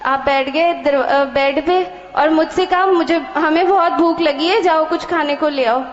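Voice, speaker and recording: A woman with a high voice tells a personal testimony to a spiritual leader, acting out the exchanges in animated detail. Her voice rings through a large hall with a long echo. The sound is a little dull and muffled. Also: measured pace. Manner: animated storytelling with many quoted exchanges. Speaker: devotee sharing a testimony.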